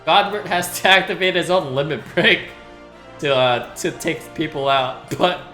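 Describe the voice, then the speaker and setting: Hyped streamer yelling and swearing at the game, bright lively voice, echoey room, faint game music. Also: mid-range voice, a little slow. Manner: excitable, swears, loud outbursts. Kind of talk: casual let's-play commentary. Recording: roomy sound with game music.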